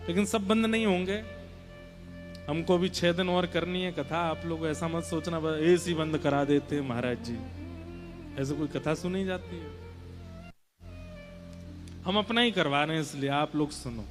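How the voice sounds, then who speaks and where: A man's voice: on the high side, unhurried, pauses often, music in the background. A young man giving a devotional sermon to a seated audience in a large hall, chanting verses and earnestly urging everyone to listen closely. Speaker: kathavachak preacher.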